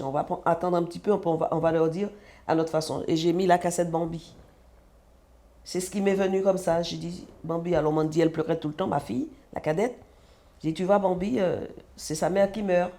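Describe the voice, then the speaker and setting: A woman from the French Antilles, a mother, telling her personal story as a guest in an animated way and acting out the dialogue. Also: on the low side. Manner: animated, acts out quoted dialogue. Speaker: guest, mother of a sick child.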